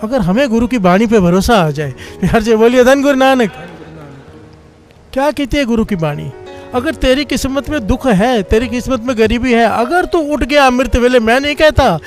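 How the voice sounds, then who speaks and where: A man's voice: very high-pitched, animated, soft background music. A man giving a Sikh sermon, telling a story and leading a repeated refrain. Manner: repeats a call-and-response refrain between points; chants scripture lines slowly. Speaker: Sikh preacher.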